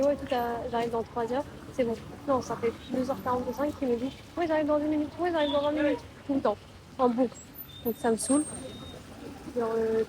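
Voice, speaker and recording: A young woman vlogging into her phone outdoors, ranting in a casual, chatty way with lots of fillers. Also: on the high side. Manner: annoyed, chatty, many fillers like genre and euh. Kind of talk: casual vlog rant. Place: outdoors waiting on the street. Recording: outdoor street noise behind.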